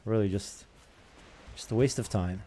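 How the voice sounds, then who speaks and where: A young man talks his way through a gameplay session in a loose, rambling, chatty manner, drifting between asides. His voice sits low and sounds soft and mellow. Faint game ambience hums behind him. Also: measured pace, slight background noise. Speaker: gaming channel host. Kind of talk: casual gameplay commentary.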